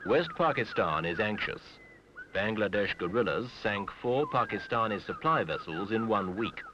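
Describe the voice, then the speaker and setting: A man giving grave, measured scripted narration in short phrases for an old newsreel soundtrack. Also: on the low side, background noise. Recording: dull lo-fi 1970s film sound with music.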